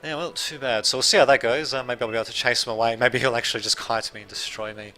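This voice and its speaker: Steady, quick, bright and forceful, this man's mid-range voice carries a light Australian accent from his Serbian-born, Australian-raised background. As a gameplay commentator, he gives rambling, self-correcting commentary on a strategy game and chats with viewers.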